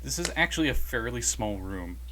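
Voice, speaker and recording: A man's voice: medium pitch, sing-song, brisk, pushed and bright, slight background noise. A man narrating a casual tabletop game as game master, playfully slipping into rhyming couplets.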